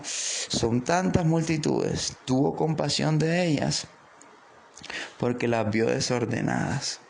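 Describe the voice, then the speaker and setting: Gravelly Colombian coastal preacher man. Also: mid-range voice, darkish tone, slight background noise. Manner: fervent, repetitive, drawn-out emphasis. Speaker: pastor. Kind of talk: devotional preaching.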